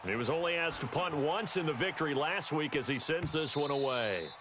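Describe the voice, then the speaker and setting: A man as a steady football play-by-play announcer. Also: a little high, background noise, natural voice. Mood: upbeat. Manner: brisk, measured play calling. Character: adult male football announcer, steady and upbeat. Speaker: play-by-play commentator. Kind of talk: sports video game commentary. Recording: loud game sound underneath.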